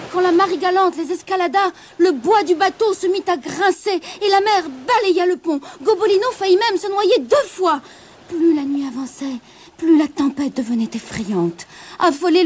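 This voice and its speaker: A woman narrates a children's storybook with great drama, shifting from hushed whispers to bright exclamations. Her voice sits high and leaps widely in pitch. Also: a little hiss or hum. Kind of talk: expressive storybook reading.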